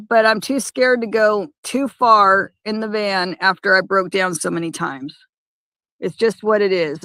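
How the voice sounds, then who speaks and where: A woman chatting casually on a phone livestream by a lake, talking in halting, rambling bursts with many restarts. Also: fairly high pitch, a bit bright, no room sound. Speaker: van-life vlogger. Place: parked by a lake.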